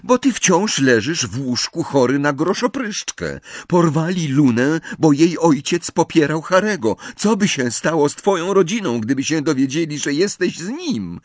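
A high, fretful teenage girl witch who is quick to argue and sure of her own reasoning, as a man reading the book puts her on. The pitch swings widely from line to line. The recording is close and dry, with no room sound. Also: sing-song, no room sound. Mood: worried. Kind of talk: audiobook reading.

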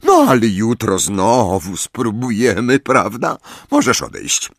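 A man's voice: on the low side, huge pitch swings, slow, no echo, clean studio sound, voice pushed up, heavily acted. A man voicing a sweetly cruel older woman teacher in a simpering, falsely sweet tone in an audiobook reading. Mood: mock sweet.

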